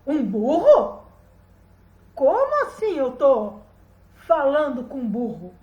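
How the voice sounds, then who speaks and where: Plaintive hungry boy, a woman doing him, high voice, echoey room. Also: animated, normal speed, darkish tone, highs cut off. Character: hungry, put-upon young boy. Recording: roomy echo.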